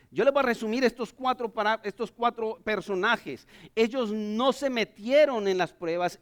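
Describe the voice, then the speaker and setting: A man, a pastor, preaching a church sermon, swinging between loud emphatic lines and low quiet asides.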